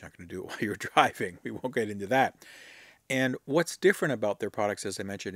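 A man with a somewhat low voice hosts his own show and talks through products in a casual review. He is easygoing and loose, often pausing on uh and um as he thinks aloud. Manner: easygoing, frequent uh and um fillers. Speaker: host.

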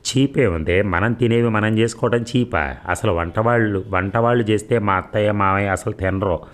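A man's voice: lowish voice, normal speed, lightly acted. A man voicing a dutiful young daughter-in-law in a storybook reading, speaking patiently and respectfully. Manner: patient, respectful, soft-spoken.

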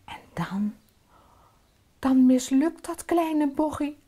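A woman with a Drents accent reading a children's story aloud in a slow, sing-song storytelling manner. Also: sits high, animated, warm tone.

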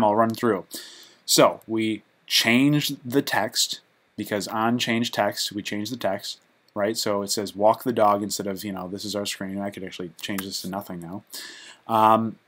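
A man giving a casual screen-recorded coding lesson, halting and full of fillers as he works at his computer. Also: on the low side, fairly bright tone. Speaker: programming instructor.

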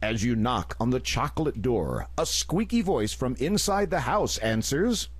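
A man's voice: mid-range voice, very animated, measured pace, a little hiss or hum. A man narrating a computer game in a dry, wry storytelling manner. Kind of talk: scripted narration.

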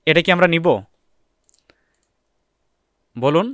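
A man's voice: on the high side, racing, a bit bright, no echo. A man teaching a screen-recorded data entry tutorial, explaining step by step and answering his own questions.

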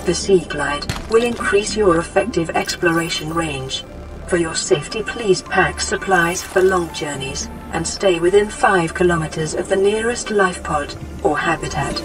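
Gentle care robot, synthetic computer voice, calm safety notices, heard from afar, music underneath. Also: female voice, lowish voice, moderate pace. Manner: gentle, even, reassuring safety announcements. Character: calm female ship computer assistant, caring and measured. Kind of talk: game voice line. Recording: distant game audio with music. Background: game music.

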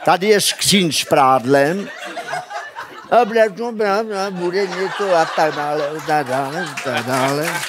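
A man's voice: a little high, a crowd in the background, noisy background, voice pushed up, close to an everyday voice. An older man mimicking his wife, an older woman who rambles on about household matters, in a raised voice. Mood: rambling. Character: chatty older wife rattling off chores.

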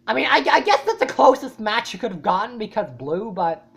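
A woman YouTuber giving casual reaction commentary, rambling and swearing often, with loud startled outbursts. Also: a little high, animated, fairly quick, vocal fry. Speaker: YouTuber reacting to a fan animation.

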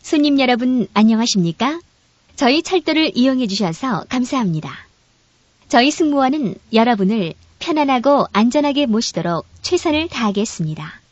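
Woman, train announcement over onboard speaker, formal and polite, fairly high, melodic delivery, dull dry recording. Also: expressive, no room sound. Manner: formal, polite, evenly measured. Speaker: subway announcer.

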